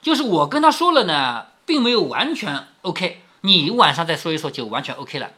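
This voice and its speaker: A man reading as a smooth-talking young nobleman. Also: a little high, normal speed, heavily acted. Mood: persuasive. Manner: coaxing, flattering. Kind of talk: storytelling reading.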